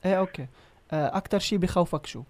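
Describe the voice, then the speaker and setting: A man's voice: high-pitched, very fast, darkish tone, no room sound. A man with a Lebanese Arabic accent asking casual questions as an interviewer.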